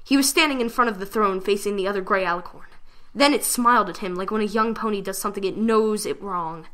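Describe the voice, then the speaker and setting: A woman performs an expressive, dramatic reading of a fan fiction story, speaking fast at a medium pitch.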